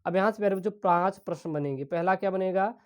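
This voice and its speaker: A woman teacher, explaining exam questions step by step and reading literary passages aloud slowly. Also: medium pitch, a little mellow. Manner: explains step by step, keeps calling students "dear children". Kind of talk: exam-prep lesson.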